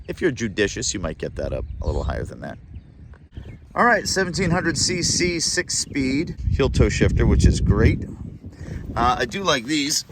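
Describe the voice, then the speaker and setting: A man talks his way through a motorcycle review in a relaxed, chatty manner, cracking the odd joke as he goes. His voice sits in a middle pitch, and it is recorded outdoors on the road. Heavy wind and engine noise roar behind him. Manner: chatty, joking asides. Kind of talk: casual ride-along review.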